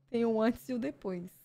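A young woman streamer with a Brazilian Portuguese accent, chatting casually while opening cards and gushing over the art. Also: on the high side. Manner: gushing, easily excited exclamations. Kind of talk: casual card-opening chat.

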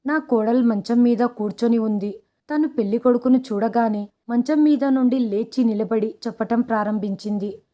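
A woman reading a first-person story aloud in a steady, dramatic way. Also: fairly high pitch, normal speed. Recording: dull lo-fi audio.

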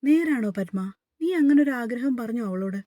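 A woman's voice: fairly high pitch, lively intonation, moderate pace, no echo. A woman voicing a teasing young husband, playful and firm, in a story read aloud. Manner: teasing, gently mocking.

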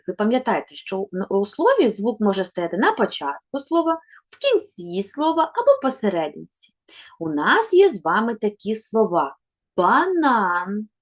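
A woman teaching a literacy lesson to young children, speaking in a slow, encouraging way and carefully stretching out letter sounds and tongue twisters. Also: mid-range voice, breathy edge. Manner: slow, sing-song and encouraging, addressing children.

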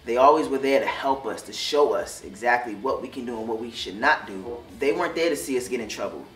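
A man's voice: medium pitch, lively intonation, fairly quick. A young male police officer speaks from the heart, with loose phrasing and restarts, in a mid-range voice. He is picked up from a distance in a roomy studio, with music faintly underneath. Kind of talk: interview testimonial. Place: studio with curtain backdrop.

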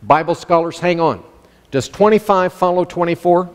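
Man, pastor, sermon, animated preaching, slightly high voice, long hall reverb. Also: moderate pace, smooth.

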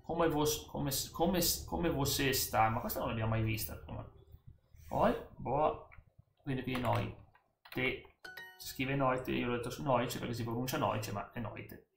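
A YouTuber learning a language chats casually as he works through an app lesson, repeating words aloud and often correcting himself. His medium-pitched voice is creaky and measured, with reverberation and soft background music.

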